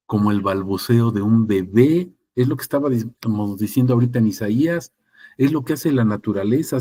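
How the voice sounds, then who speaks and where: A man preaching a sermon, teaching with rhetorical questions and repeated phrases, moving between loud emphatic passages and quiet ones. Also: on the low side.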